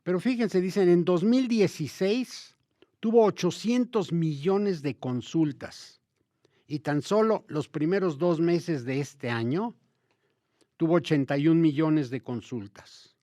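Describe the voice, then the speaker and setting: A man's voice: on the high side, unhurried, no room sound, clean studio sound. Emphatic Mexican man explaining Spanish usage. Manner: lively, emphatic, addresses listeners directly. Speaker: host of a language talk show. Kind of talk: conversational explanatory talk.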